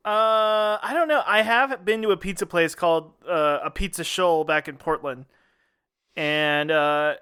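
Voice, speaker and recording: Brief: cheerful male co-host, somewhat high pitch, jokey. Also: measured pace, bright, forceful tone, smooth. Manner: upbeat, laughs often, jokey. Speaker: podcast co-host. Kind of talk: casual chat.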